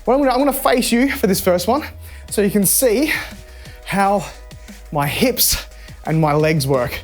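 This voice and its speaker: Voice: mid-range voice, lively intonation, normal speed, soft background music. An instructor coaching a live home workout, chatty and encouraging while demonstrating the moves. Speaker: fitness instructor.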